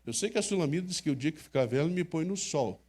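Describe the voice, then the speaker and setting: In a church sanctuary, an older man from Brazil delivers a heartfelt sermon, speaking straight to the congregation and telling personal stories. His voice is fairly high, a little mellow, expressive, and quick-paced.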